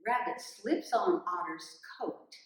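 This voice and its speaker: Slow animated woman storyteller. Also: medium pitch, slight background noise. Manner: slow, lively, animated narration. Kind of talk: folktale storytelling. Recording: roomy echo, distant mic.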